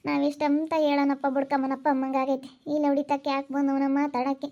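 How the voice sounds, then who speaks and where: A woman's voice: high voice, level tone, fast, fairly bright tone. A woman playing a cursing village mother. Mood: grumbling. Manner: muttering insults under her breath. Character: scolding village mother, sharp-tongued and cursing. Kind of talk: amateur village skit acting. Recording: dull lo-fi sound.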